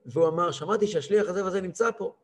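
Man in his thirties, rabbi giving a lesson, high voice, animated delivery. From Israel. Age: 30s. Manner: animated, acts out a cantor's chanting and scolds him. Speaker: rabbi teaching a weekly class. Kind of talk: lively Torah lesson.

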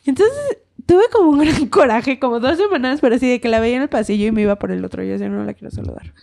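Young mexican woman cohosting a chatty podcast, lively storyteller, kinda high voice. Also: fast, vocal fry. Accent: Mexican Spanish. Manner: animated storyteller, acts out quotes. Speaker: podcast co-host. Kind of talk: casual chat.

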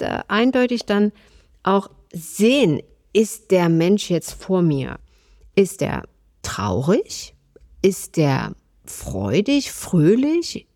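A woman's voice: fairly low pitch, a little mellow, dry recording, studio quality. A woman hosting a solo podcast, talking in a thoughtful, conversational way with many small fillers and speech. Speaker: podcast host.

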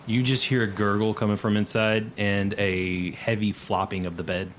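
A man narrating as game master of a tabletop game, playful and quick to laugh. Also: on the low side, flat delivery, slight background noise.

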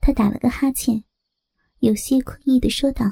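High husky woman narrating a story. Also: fairly even intonation, normal speed, dark tone, no room sound, studio quality. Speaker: audiobook narrator.

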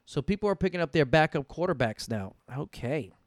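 A man's voice: fairly high pitch, expressive, brisk, no echo, clean studio sound. A young man thinking aloud while drafting for fantasy football, casual and profane, arguing with himself over picks. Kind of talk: casual live draft commentary.

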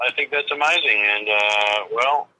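A man's voice: medium pitch, normal speed, bright, forceful tone. A tired man calling in by phone, heard over the phone speaker, chatting casually as a correspondent. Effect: phone speaker, heard over a call on speakerphone. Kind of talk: casual chat. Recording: tinny phone line on speakerphone.

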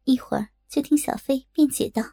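A woman narrating a first-person audiobook story in a smooth, confiding way. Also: sits high, a little fast, dark tone.

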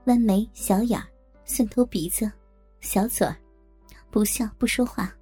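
A woman's voice: medium pitch, unhurried, warm tone, husky, soft background music. A woman narrating a first-person adult story in a coy, teasing manner.

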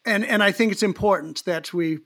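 A male interviewer who responds to his guest in a polite, measured and appreciative way. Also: high-pitched, fairly bright tone. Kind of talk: interview talk.

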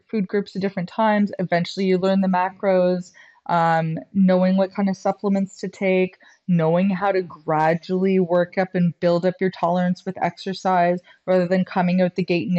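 A woman guest on a podcast, chatting casually and telling lively stories, acting out quotes and laughing often. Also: on the low side, moderate pace. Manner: animated storyteller, acts out quotes, laughs often. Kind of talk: casual interview chat. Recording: dull lo-fi sound.

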